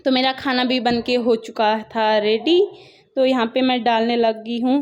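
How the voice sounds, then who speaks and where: A woman's voice: a little high, steady tone, moderate pace, dull audio. A young woman with a Pahari-tinged Hindi accent, casually narrating her daily routine in a rambling, homely way. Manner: chatty, rambling, homely storytelling. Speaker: vlogger.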